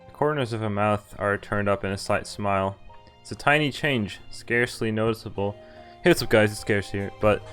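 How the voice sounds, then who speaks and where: A man streams a visual novel, reading it aloud casually with asides to chat, often stumbling over lines and correcting himself. His voice is on the low side with a fairly bright tone, and the game's background music plays behind him.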